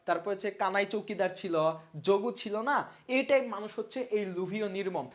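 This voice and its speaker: A teacher giving a live online revision class, quizzing viewers, reading their names from comments and drilling answers by repeating words, with English words mixed in. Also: medium pitch. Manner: mixes English words into speech; clears throat now and then. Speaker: online exam-prep teacher.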